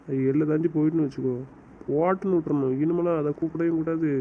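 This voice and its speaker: A man's voice: a little high, fairly even intonation, fast talker. A man acting a bitter, stubborn character in an amateur web drama. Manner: bitter, stubborn, insists he is done with her. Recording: slightly muffled, faint background hiss.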